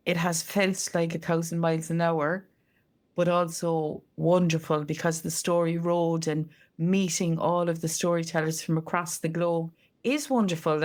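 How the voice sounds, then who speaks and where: An Irish woman, a storyteller and co-host, chatting casually in conversation. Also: fairly low pitch. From Ireland.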